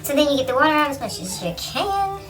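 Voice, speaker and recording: High-voiced woman chatting slangy and profane. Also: very animated, fast, fairly bright tone, recorded from a distance, soft background music, rough recording. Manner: slangy and profane, keeps asking "you know?"; joking, self-mocking. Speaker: vlogger demonstrating a how-to. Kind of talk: casual tutorial chat.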